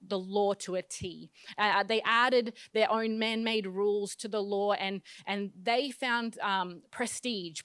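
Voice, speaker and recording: A woman's voice: on the high side, fairly bright tone, no room sound. A woman pastor giving a sermon in a conversational, self-deprecating way, often restarting her phrases.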